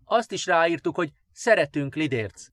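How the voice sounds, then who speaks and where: A man's voice: on the high side, expressive, fairly bright tone, no room sound, pitched above the performer's own voice. A man voicing a kind, eager little girl in a storybook reading. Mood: pleading.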